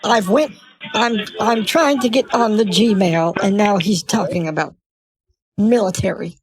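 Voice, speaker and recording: A man's voice: high voice, a little slow, slightly rough, no echo, pitched above the performer's own voice. A man voicing a fussy, easily confused elderly woman who talks in a doddering, querulous way.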